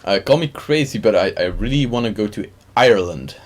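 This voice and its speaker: Lively playful man from Belgium. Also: lowish voice, a little fast. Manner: playful, jokey, laughs often. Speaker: podcast co-host. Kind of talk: casual podcast chat.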